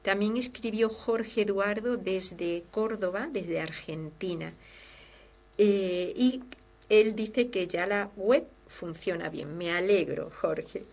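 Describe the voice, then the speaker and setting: Religious sister, host, fervent and expressive, reads listener mail warmly. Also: female voice, medium pitch, slow, gravelly. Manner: fervent, expressive, swings from loud to hushed. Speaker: religious sister hosting a devotional program. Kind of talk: devotional talk and reading listener letters.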